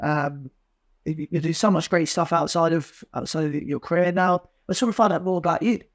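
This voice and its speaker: A man hosting a podcast, asking questions in an eager, casual way with fillers. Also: on the high side. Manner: eager, quick interviewer with fillers. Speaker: podcast host. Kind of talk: casual interview chat.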